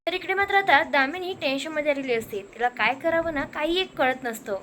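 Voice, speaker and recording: A woman narrates a television serial's episode at a rapid clip, in a high, quick voice. She jumps straight into the characters' quoted lines without slowing down. A faint hiss of noise sits behind her. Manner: rapid, lively retelling, slipping into characters' lines. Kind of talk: fast storytelling recap with acted quotes.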